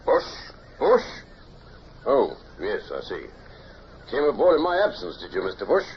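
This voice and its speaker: A man's voice: medium pitch, sing-song, measured pace. A male actor playing a suspicious, domineering British naval captain in an old radio drama, curt and interrogating, with a British accent. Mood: probing. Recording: muffled old radio recording with hiss.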